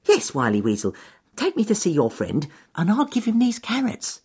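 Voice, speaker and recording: A sweet, trusting storybook bunny, voiced by a man reading aloud, talking in a raised, lilting voice that bounces about. The bunny is eager and gentle, with a slightly breathy edge. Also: sits high, wildly swooping pitch, moderate pace, voice pushed up, full character voice. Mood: friendly. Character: trusting, kindly young male rabbit.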